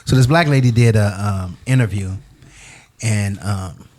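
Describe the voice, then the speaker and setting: A man's voice: lowish voice, unhurried. A man co-hosting a podcast, talking casually and telling stories in a jokey way. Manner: jokey, animated storyteller. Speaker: podcast co-host. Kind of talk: casual chat.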